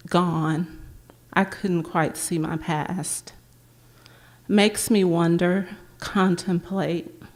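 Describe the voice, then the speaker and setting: A woman reading her own poems aloud at a public library event, with a measured, gentle recitation. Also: on the low side.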